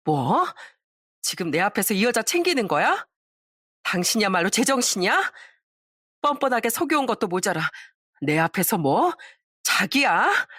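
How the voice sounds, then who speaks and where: A woman voicing a furious betrayed wife who shouts sharp accusations at her cheating husband in a story drama. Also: medium pitch, big pitch swings, moderate pace, long pauses, no room sound, clean studio sound.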